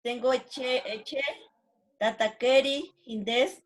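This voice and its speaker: A woman answering as a student in an online class, listing words slowly and a little unsure. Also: high voice, fairly even intonation. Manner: slow, unsure, careful word listing.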